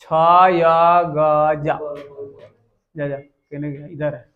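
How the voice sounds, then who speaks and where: A man's voice: fairly high pitch, little pitch movement, very slow, narrow, tinny audio. A young man, a teacher working through exam questions and repeating each question aloud.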